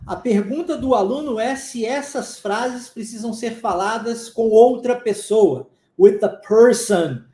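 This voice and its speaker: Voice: medium pitch, unhurried, hardly any pauses, dark tone, reverberant. A Brazilian English teacher giving a live lesson, drilling phrases by repetition and often checking that students understood.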